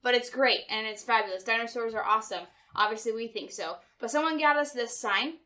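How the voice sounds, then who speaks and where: A woman's voice: fairly high pitch, fairly quick, a crowd in the background. A young woman chatting casually as a co-host, pronouncing her R's like W's. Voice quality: says w for r, can't pronounce R well. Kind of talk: casual chat.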